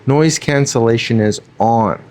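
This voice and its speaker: A man's voice: medium pitch, a little slow, darkish tone. A man demoing gear, talking step by step through a wireless clip mic with noise cancellation and a voice filter on. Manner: plain, step-by-step explaining. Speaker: gear reviewer. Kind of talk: product demo talk. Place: room with air conditioner running. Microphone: wireless clip mic into phone.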